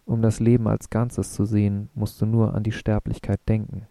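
A thoughtful, earnest man muses on life in an audiobook, read by a male narrator. The voice is low, dark and gravelly, with little movement in pitch. It sounds dry and close. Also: normal speed, no room sound, lightly acted. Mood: calm. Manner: calm, musing, philosophical speech. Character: thoughtful lean adult male physicist, earnest. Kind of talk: audiobook reading.

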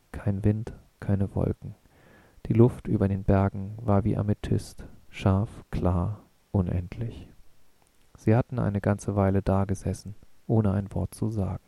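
Male narrator, audiobook reading, calm measured delivery, flat intonation, very dark mellow tone. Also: lowish voice, vocal fry, dry recording.

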